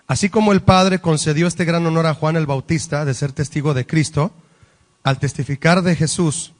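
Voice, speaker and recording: A man preaching a Bible-study sermon, emphatic and asking the congregation rhetorical questions. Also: fairly high pitch. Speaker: pastor. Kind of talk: sermon teaching.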